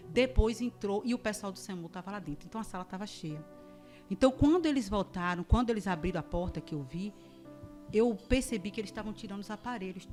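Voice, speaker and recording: A woman's voice: medium pitch, darkish tone. Woman, podcast guest, emotional testimony, acts out quoted voices, faint music behind. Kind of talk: religious testimony in a podcast interview.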